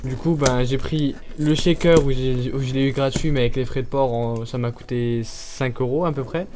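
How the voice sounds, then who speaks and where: A man's voice: medium pitch, fairly even intonation, normal speed, background noise. A man chatting casually while unboxing products, hesitating often with fillers and breaking into short laughs.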